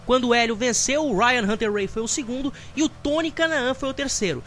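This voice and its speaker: A man with a Brazilian accent hosts a motorsport talk show. His voice is strikingly high for a man as he presents and hands over to colleagues. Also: a bit bright. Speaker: host.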